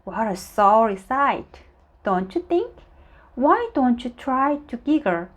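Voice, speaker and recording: A kindly, cheerful little storybook man, as a woman reading aloud puts him on. His lines lift high and bounce with a lively swing, though they come at an easy, slow pace. The voice stays upbeat throughout. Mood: hopeful.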